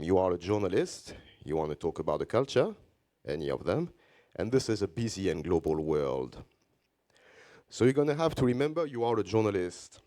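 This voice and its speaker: A Belgian journalist whose first language is French gives a measured conference presentation in English, his Belgian French accent clear and his speech full of pauses. His voice is fairly low and mellow.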